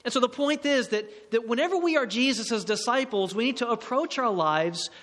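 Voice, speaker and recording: A man with a high voice preaches a morning sermon, earnest and measured, drawing out the words he wants to stress. His voice rings with the long reverb of a church sanctuary. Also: animated, fairly bright tone. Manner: measured, earnest, slows for emphasis.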